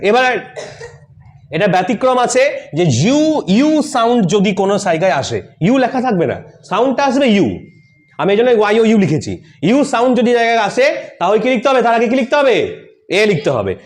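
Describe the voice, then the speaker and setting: High-voiced man teaching grammar. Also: animated, brisk. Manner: asks rhetorical questions and answers them himself; repeats key points, checks with "Am I clear? Yes or no?". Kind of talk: classroom-style grammar lesson.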